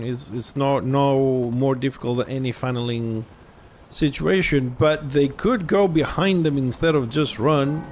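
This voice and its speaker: A man's voice: medium pitch, slight background noise. A man with a Greek accent streaming a game live, grumbling and swearing as he restarts his sentences. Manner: restarts and trails off mid-sentence. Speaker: gaming livestreamer. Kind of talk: casual live gameplay commentary.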